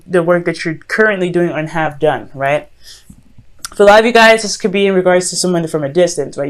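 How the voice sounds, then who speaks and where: A woman giving a mystical tarot horoscope reading in a casual, conversational way, advising listeners directly and often circling back to rephrase herself. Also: lowish voice. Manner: hesitant, often repeats and rephrases phrases. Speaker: tarot reader.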